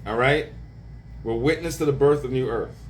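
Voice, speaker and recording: A man hosting a casual livestream, greeting viewers by name with slang shout-outs and laughing often. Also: medium pitch, slight background noise. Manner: laughs often, drawn-out words. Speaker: livestream host.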